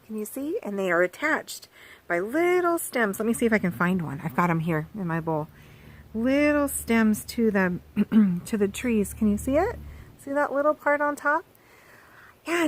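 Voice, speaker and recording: A children's author reads a picture book to young listeners outside by her farm garden. She speaks in a fairly high, animated sing-song and keeps asking them questions.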